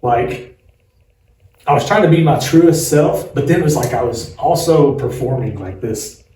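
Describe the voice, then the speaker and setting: Chatty podcast guy, mellow voice, sounds far off in an echoey room. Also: mid-range voice, animated, a little slow. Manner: chatty, laughs often, rambling explanations. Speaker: podcast co-host. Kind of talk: casual chat. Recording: echoey room, distant mic, faint hiss.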